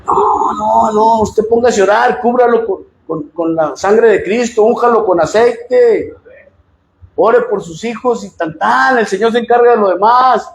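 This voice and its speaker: A Mexican pastor preaching a sermon, swinging from loud emphatic lines to low asides. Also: male voice, a little slow, echoey room, slight background noise, low-quality recording.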